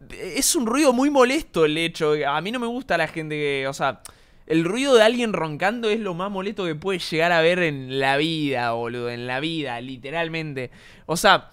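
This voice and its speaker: A man's voice: high-pitched, fairly bright tone, smooth. A young man with an Argentine accent, chatting casually on a stream in a rambling, slangy way, swearing often. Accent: Argentine Spanish.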